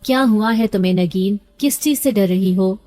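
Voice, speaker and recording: A man's voice: high voice, a little mellow, faint music behind, lightly acted. A woman reading an earnest young husband. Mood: worried. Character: young husband, calm and reassuring.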